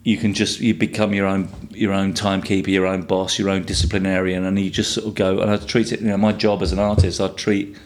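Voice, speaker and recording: A man in his fifties with a fairly low voice. He talks as a guest in a loose, casual way, wandering through stories and swearing freely. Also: level tone, fairly quick, few pauses, slight background noise. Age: 50s. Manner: rambling storyteller, swears freely. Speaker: guest artist. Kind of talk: casual chat.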